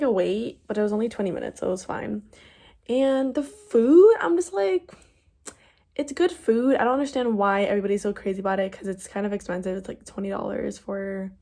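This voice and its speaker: A young woman talks straight to her vlog audience in a loose, chatty way. She rambles and restarts her sentences and scatters fillers through them. Her voice sits at an average pitch for a woman. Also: darkish tone. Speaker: vlogger. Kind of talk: casual vlog chat.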